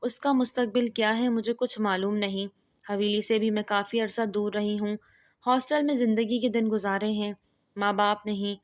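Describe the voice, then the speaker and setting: A woman's voice: mid-range voice, fairly even intonation, lightly acted. A woman voicing a sorrowful young woman uncertain of her arranged marriage in a read-aloud story. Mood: sad. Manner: sorrowful, resigned.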